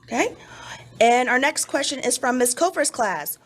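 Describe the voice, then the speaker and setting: A woman's voice: high voice, lively intonation, normal speed. A woman teacher explaining things to young children in simple, instructive phrases during a school announcement.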